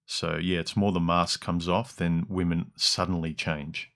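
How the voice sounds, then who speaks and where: Speaking into a dynamic broadcast mic, an Australian livestream host reads comments in casual chat, his deep voice slightly bright and showing vocal fry plus some harshness in the mids and lows. He talks a little slowly in a level tone, rambling along with frequent ums and restarts.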